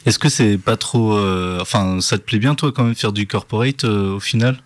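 A man hosting an interview and asking relaxed, curious questions. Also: fairly low pitch, moderate pace. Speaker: interviewer host.

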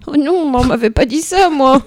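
A woman's voice: high-pitched, animated, moderate pace. A woman co-hosting a casual podcast, playful and teasing. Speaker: podcast co-host. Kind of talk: casual chat.

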